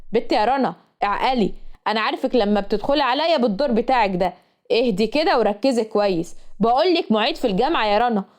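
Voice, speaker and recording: A woman's voice: a little high, animated, fast talker, natural voice. A woman voicing a stern middle-aged father with an Egyptian accent, scolding firmly. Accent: Egyptian Arabic. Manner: firm, scolding.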